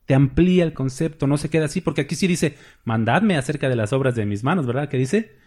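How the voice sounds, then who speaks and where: A pastor delivers a sermon in a conversational way, his voice a little high, expressive, quick, a little mellow and slightly rough. He keeps checking in with the congregation, tagging his points with short questions like "¿verdad?" and "¿sí?".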